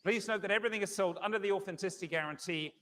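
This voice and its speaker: A male fine art auctioneer with a fairly high voice and a very quick pace. He is polished and courteous, addressing the saleroom formally and repeating figures as he goes. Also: fairly bright tone.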